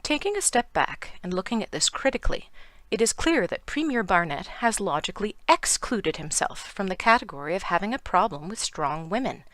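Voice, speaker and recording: A woman's voice: medium pitch, sing-song, brisk, a bit bright, no room sound. A Canadian woman delivering a scripted, sarcastic opinion monologue with emphatic outbursts. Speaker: commentary video host.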